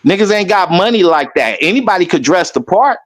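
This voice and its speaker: Animated man telling a rambling story. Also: high voice, a little fast. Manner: rambling, animated, mimics others loudly. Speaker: guest. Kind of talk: casual storytelling chat.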